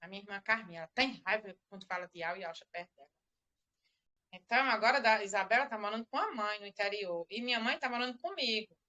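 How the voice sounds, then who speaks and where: A woman's voice: mid-range voice, fast, bright, forceful tone, muffled recording. A middle-aged woman giving a religious testimony on a live stream, rambling and repeating herself as she tells the story. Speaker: church member giving testimony.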